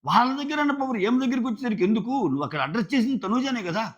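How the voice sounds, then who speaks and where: A man talking casually while reviewing a show, animated and acting out quotes from the people he discusses. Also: very high-pitched, rapid-fire, lo-fi sound. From India. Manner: animated, acts out quotes of others. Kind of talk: casual commentary.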